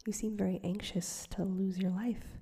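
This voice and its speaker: A woman voicing a crabbed old male newspaper editor, gruff but kindly, in a breathy whisper. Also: mid-range voice, fairly even intonation, moderate pace, dark tone.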